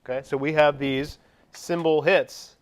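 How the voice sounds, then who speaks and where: Speaking unhurriedly in a slightly high, steady voice, a man leads a music class lecture. He quizzes his students and demonstrates with short scatted phrases.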